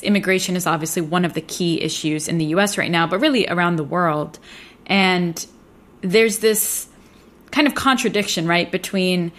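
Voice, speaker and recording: A woman hosting an interview, asking questions in a measured, inquisitive way. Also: on the low side, fairly bright tone. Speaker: host.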